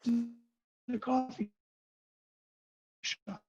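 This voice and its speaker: A man's voice: very high-pitched, level tone, very slow, a little mellow, lo-fi sound. A man giving business advice over a remote call, his audio breaking up and cutting out, speaking emphatically and checking in with his listeners. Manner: emphatic, repeats words and checks in with "okay?". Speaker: business mentor.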